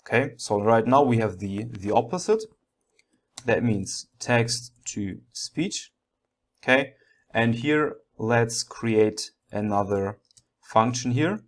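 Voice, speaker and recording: A man's voice: medium pitch, slow. A man giving a step-by-step programming tutorial, thinking aloud and often checking in with a short okay.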